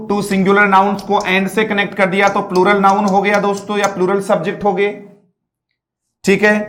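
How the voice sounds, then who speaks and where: Guy teaching english in a roomy echoey class, high voice, slow careful explaining. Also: fairly bright tone. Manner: repeats "dosto", asks "are you getting me"; patient, drawn-out word-by-word explanations. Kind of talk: classroom lecture.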